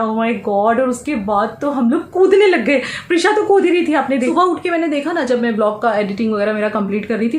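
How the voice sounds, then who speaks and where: Vlogger, woman, 30s, from India: chatty and emotional, higher voice, echoey home room, faint hiss. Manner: excited, emotional, chatty, mixes in English phrases. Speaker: daily vlogger. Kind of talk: casual vlog talk to camera. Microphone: handheld vlogging camera.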